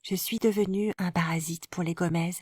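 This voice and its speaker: A woman calmly narrating a first-person life story in a scripted, even storytelling voice. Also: on the low side, normal speed, husky, no room sound, clean studio sound.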